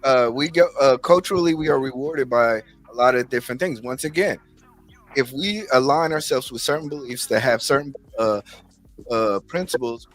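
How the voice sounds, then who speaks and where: A man's voice: medium pitch, normal speed, faint music behind, poor audio. A man in an online panel discussion whose mic keeps cutting in and out, making his volume jump. He talks hesitantly and searches for words. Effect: mic cutting in and out, uneven volume. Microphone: streaming call mic.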